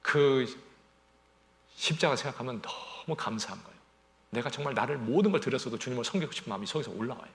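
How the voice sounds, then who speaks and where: A man preaches a Sunday sermon with a lively, rising and falling voice. He keeps putting rhetorical questions to his congregation. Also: mid-range voice, quick pace. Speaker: pastor.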